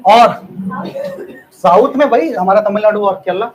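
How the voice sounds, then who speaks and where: A man with a strikingly high voice teaches a classroom full of students, speaking. He teases and jokes, then fires off quick questions and repeats the answers back to drill them. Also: background noise. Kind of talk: classroom lecture.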